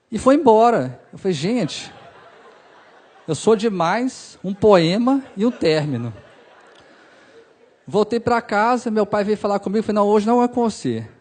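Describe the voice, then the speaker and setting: A young man with a Brazilian Portuguese accent, telling a personal story on stage and acting out the dialogue with emotion. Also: high voice. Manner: emotional, acts out dialogue, drops soft for sad parts.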